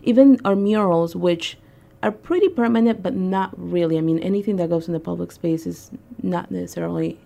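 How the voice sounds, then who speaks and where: Low, gravelly-voiced woman guest. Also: a little fast, mellow. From Peru. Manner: conversational, frequent ums and uhs. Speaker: guest, arts organizer. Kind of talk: radio interview.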